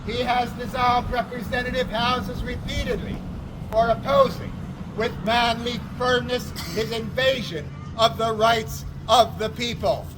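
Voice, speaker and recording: Man acting as a high-pitched town crier, proclaiming. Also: steady tone. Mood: solemn, proclaiming. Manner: declamatory, deliberate, broken into short phrases. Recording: outdoor recording with faint traffic noise.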